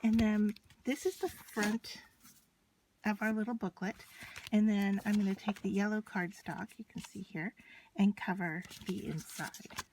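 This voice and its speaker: A woman's voice: medium pitch, steady tone, normal speed, a little mellow, rough recording. Woman giving a craft tutorial over handling noise. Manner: instructional, talking through each step while working with her hands. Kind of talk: step-by-step craft demonstration, casual and unscripted. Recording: clear background noise, scratching and clicks from handling materials. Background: scratching and clicking of craft materials.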